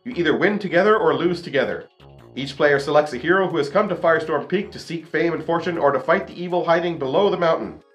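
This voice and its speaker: A man's voice: a little high, quick pace, faint music behind. A man hosting a board game review, reading out rules and explaining them in his own words.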